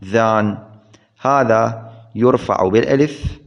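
A man's voice: mid-range voice, slow, gravelly. A man giving a grammar lesson, repeating key words and asking questions he then answers himself. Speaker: grammar teacher. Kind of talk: classroom lecture. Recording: dull lo-fi recording.

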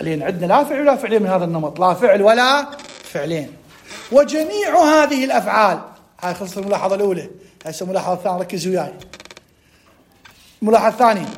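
A man teaching a grammar lesson. He mixes formal with dialect, quizzes his listeners and repeats key words. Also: high voice. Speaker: teacher of Arabic morphology. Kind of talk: classroom lesson.

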